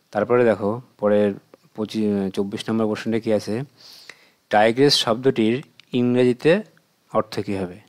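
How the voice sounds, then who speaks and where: A man with a Bengali accent explaining exam questions to children, asking questions and then answering them himself in a patient, steady way. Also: on the low side. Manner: patient, asks and answers his own questions. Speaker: teacher.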